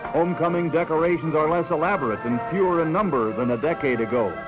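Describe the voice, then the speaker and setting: A man's voice: a little high, fast, rough recording. Upbeat 1970s newsreel narrator man. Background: music bed.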